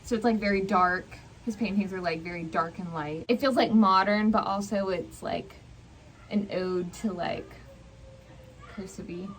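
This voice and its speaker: With a steady tone and moderate pace, a young woman in a medium pitch chats casually on a book vlog she co-hosts. She is informal and hesitant and uses many fillers. Faraway voices and ambient noise fill the background.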